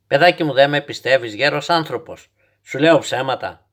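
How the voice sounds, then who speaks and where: Man playing a storybook grandfather, old, stubborn, fanciful, calm tall-tale teller. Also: medium pitch, natural voice. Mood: patient. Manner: calm, gently instructive, tall-tale telling.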